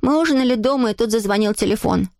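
A woman's voice: a little high, fast talker, creaky, a little mellow, no echo, studio quality. Woman narrating a children's story. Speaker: audiobook narrator.

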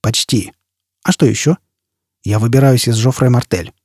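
A man's voice: mid-range voice, normal speed, a little mellow, breathy edge, no room sound, studio quality. A male reader voicing a terse, brooding male spaceman prisoner in an audiobook. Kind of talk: audiobook character reading.

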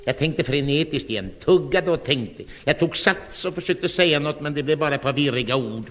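A man in his fifties delivering a scripted comic monologue. He tells the story in a wry, deadpan way. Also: on the high side, big-room sound.

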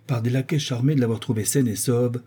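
A man narrating a classic novel in a measured storytelling manner. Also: mid-range voice, steady tone, warm tone, husky. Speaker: audiobook narrator.

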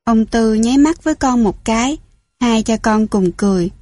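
A woman's voice: on the high side, normal speed, mellow, dry recording. Woman reading a storybook. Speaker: narrator.

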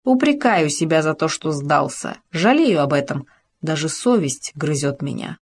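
A woman's voice: deep voice, expressive, moderate pace, slightly rough, full character voice. A woman voicing an ardent young male officer in an audiobook, reading his lines with impassioned pleading.

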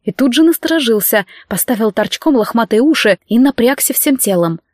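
A woman narrating an audiobook in calm, expressive storytelling. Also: on the high side, brisk, dry recording, studio quality. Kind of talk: scripted narration.

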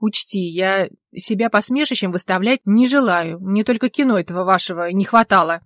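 A woman voicing a young, blunt but good-natured village policeman with folksy, steady talk. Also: medium pitch, moderate pace, no room sound, studio quality, natural voice. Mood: defensive. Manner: plain-spoken folksy talk, calm and steady.

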